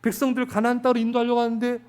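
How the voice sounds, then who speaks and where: High-voiced pastor quizzing his flock. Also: monotone, rapid-fire, clean tone. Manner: interactive, questioning the congregation. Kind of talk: sermon. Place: church sanctuary.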